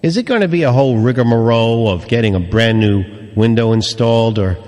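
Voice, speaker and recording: A man's voice: medium pitch, a little fast, darkish tone, long reverb tail. A man chatting as a morning radio DJ and host, in a conversational, joking manner.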